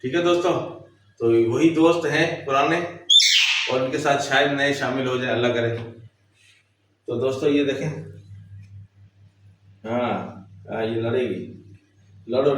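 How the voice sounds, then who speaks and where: A man vlogging casually, talking to viewers and coaxing and scolding his pet birds beside their cages. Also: mid-range voice. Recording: very echoey, distant from the mic, noisy.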